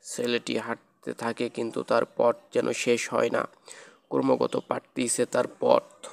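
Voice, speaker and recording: Gravelly man narrating a kids' cartoon story. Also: mid-range voice, completely flat delivery, unhurried. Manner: plain, repetitive storytelling.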